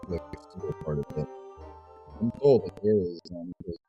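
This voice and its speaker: A man on a voice call explaining his character's findings in a halting, loose way, his audio suddenly garbled so he sounds like he is underwater. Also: low-pitched, breathy edge, dull audio, soft background music. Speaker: tabletop game player. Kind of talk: casual play over a voice call.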